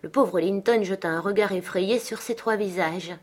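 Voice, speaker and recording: A woman narrating a novel aloud in a steady, measured reading style. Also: mid-range voice. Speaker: audiobook reader. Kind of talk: scripted narration.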